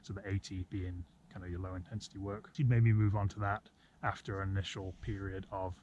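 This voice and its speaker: Low-voiced man explaining things, dull outdoor sound. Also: little pitch movement, a little fast. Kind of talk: informal explainer talk to camera. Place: outdoors on an open hillside. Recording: dull outdoor audio with noticeable ambient noise.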